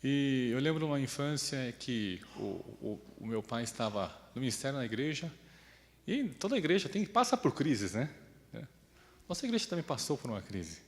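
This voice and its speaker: Animated preacher, echoey hall. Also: male voice, mid-range voice, moderate pace. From Brazil. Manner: conversational preaching, often asks "né?" and acts out quoted voices. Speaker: pastor. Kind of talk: sermon with personal story.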